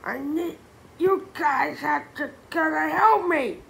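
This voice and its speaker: A woman voicing a frantic, panicked man begging two boys for help in a read-aloud storybook, shouting high and breathless. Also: slow pace, vocal fry, slight background noise, exaggerated voice.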